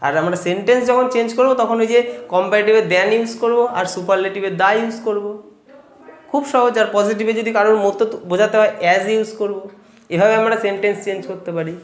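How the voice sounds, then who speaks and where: A man teaching grammar to students, explaining rules patiently step by step and slowing down to repeat example words. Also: sits high, steady tone. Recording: echoey room.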